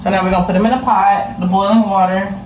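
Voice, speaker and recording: Here the young woman's voice is medium-pitched and steady, and she talks at a quick pace. Cooking at home in her twenties, this vlogger chats casually and straight to the camera across the room, while the echoey kitchen, distant mic, background noise and clattering pots and dishes color the recording.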